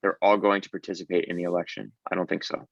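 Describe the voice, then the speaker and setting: A man's voice: low voice, level tone, fast, vocal fry, dry recording. A man on an online call, questioning with a skeptical manner while his voice breaks up and cuts out. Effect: voice breaking up over an online call. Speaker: call participant. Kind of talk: casual group discussion. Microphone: remote call microphone. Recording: dry, dull lo-fi call audio.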